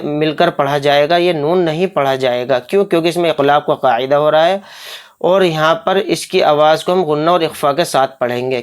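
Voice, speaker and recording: Patient Quran reading teacher, smooth voice. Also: mid-range voice. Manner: spells out syllables slowly, then explains the rule in brisk asides; patient, asks and answers own questions. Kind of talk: step-by-step spelling and recitation lesson.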